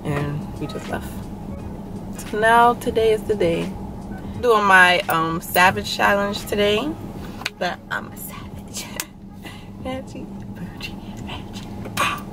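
A woman's voice: medium pitch, slow, music in the background, poor audio. A young woman vlogger in casual, rambling chat, filming from a parked car at a drive-in. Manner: chatty, rambling, laughing often.

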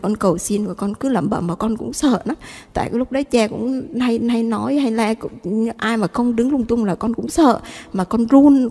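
A woman's voice: on the high side, warm tone, in a large hall. A young mother, giving an emotional, tearful testimony to a priest. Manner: emotional, tearful when recounting.

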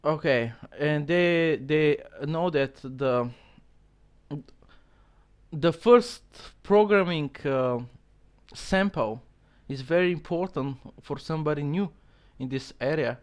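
Streaming on a headset from a small, dim room, a young man reads aloud haltingly as casual commentary, full of fillers and chuckles. His voice is a little high and smooth.

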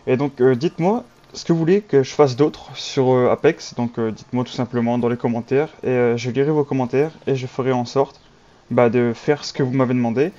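A man gives a casual gaming video intro in a mellow, dark voice. He talks informally and hesitantly to viewers, and the sound is a bit dull. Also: medium pitch, brisk. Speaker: gaming channel host. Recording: slightly dull, muffled sound.

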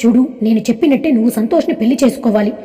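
Angry storybook father, domineering and scolding, voiced by a woman reading the tale, dark mellow tone. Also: fairly high pitch, rapid-fire, in a large hall, natural voice. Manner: scolding, threatening.

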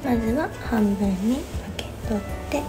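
A hairstylist in her twenties gives a hair styling tutorial with gentle, step-by-step instructions in a slightly high voice at a moderate pace. Clear background music plays under her voice-over in a small, bright indoor studio.

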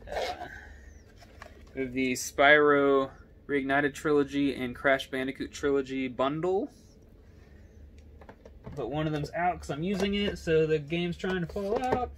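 A young man casually running through his video game collection, giving quick offhand comments on each title. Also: fairly high pitch, fairly bright tone, slight background noise. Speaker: gaming YouTuber.

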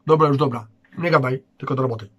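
A man's voice: mid-range voice, slightly rough, close to an everyday voice. A man doing a commanding elder prince. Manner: commanding, brisk orders.

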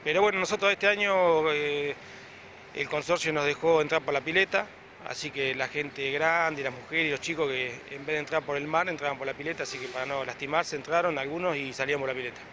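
Holding a reporter mic just below his chin, a chatty man in his forties, a club president who organizes events, talks casually on camera beside a beach with hedges behind him. His fairly high voice has an Argentine Spanish accent, fairly even intonation, and a fairly quick pace, peppered with "eh" and restarts, while outdoor noise is clearly heard.

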